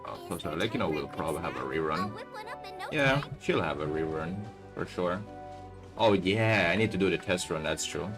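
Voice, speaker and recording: A young man with a very deep but lively voice, talking casually to his stream chat while he plays. He is laid-back and peppers his talk with "bro", with soft music playing faintly behind him. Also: normal speed. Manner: laid-back, calls everyone bro, reads chat aloud. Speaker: game streamer.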